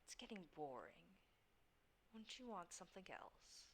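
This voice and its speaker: A woman voicing a bored, teasing shadow spirit in a whispered role-play, with a hushed, breathy dark whisper as if from just behind you. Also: medium pitch, sing-song, unhurried. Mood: bored, probing. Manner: languid, taunting, like a whisper from behind.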